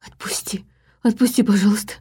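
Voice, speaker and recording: A woman voicing a terrified, hoarse man who begs desperately for release, in an audiobook. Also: lowish voice, fairly even intonation, slow pace, warm tone, heavily acted. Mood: pleading. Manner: pleading, desperate.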